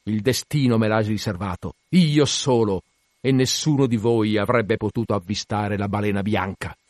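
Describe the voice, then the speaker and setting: A man voicing a fierce, obsessed whaling captain in an audiobook, shouting urgent, commanding orders to his crew in long, repeated cries. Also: lowish voice, moderate pace, no room sound, studio quality, close to an everyday voice. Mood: demanding, possessive.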